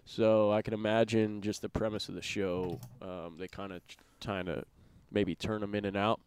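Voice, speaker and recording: A man co-hosting a podcast in casual chat, relaxed and loose, saying "dude" often and trailing off in fillers. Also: on the low side, normal speed, smooth. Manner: laid-back, says "dude" a lot, trails off with fillers. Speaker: podcast co-host.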